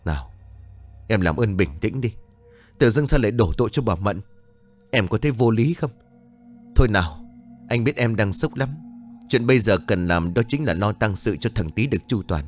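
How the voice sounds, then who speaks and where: A man voicing a young husband who patiently coaxes his distraught wife to calm down. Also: fairly low pitch, moderate pace, pauses often, faint music behind, close to an everyday voice. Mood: soothing. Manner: calming, gentle coaxing.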